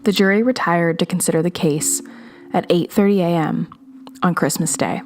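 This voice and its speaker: Low-voiced woman narrating true crime. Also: a little hiss or hum. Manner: measured, steady storytelling. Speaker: podcast host.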